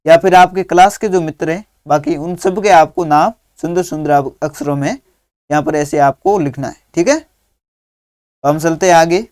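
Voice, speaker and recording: A man teaching young children through a workbook, dictating words slowly and patiently one at a time. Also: a little high, a little mellow, no echo, studio quality.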